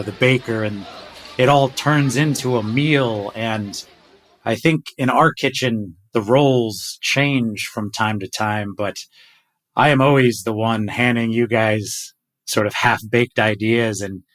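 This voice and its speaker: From a home closet, a podcast host reads his scripted introduction and then chats eagerly with his team. His mid-range voice is steady in tone and a bit bright, his pace is moderate, and his enthusiastic, self-deprecating manner comes with frequent stumbles over words.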